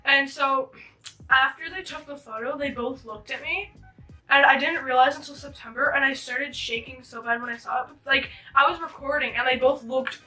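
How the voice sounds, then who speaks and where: A woman's voice: sits high, normal speed, bright, forceful tone. A woman hosting her channel, telling a story in a casual, rambling way with many fillers and restarts. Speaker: channel host. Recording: distant mic with faint music.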